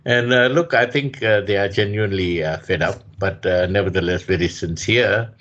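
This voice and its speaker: A man co-hosting a radio talk show, speaking in a measured, hesitant way with many fillers. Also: fairly low pitch, a bit bright. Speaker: radio co-host. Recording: dull lo-fi radio sound.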